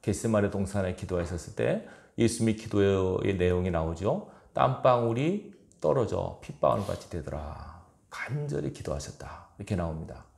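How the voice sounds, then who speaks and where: A man's voice: sits low, lively intonation, normal speed, gravelly, a little mellow. A male pastor preaching a fervent, emphatic sermon in a church sanctuary. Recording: roomy church echo.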